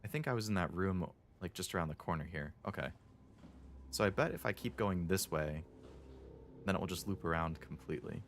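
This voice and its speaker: A low-voiced man streams a horror game in a nervous, uneasy way. His talk is casual and swings widely in pitch, as he mutters to himself over some background noise. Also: animated, a little fast. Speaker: video game live streamer. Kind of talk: casual chat while playing a horror game.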